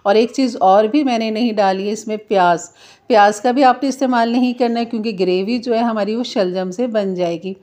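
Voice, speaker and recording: A woman's voice: on the high side, a little fast, mellow. A woman narrating a cooking tutorial, patiently explaining the reason behind each step. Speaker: home cook, channel host.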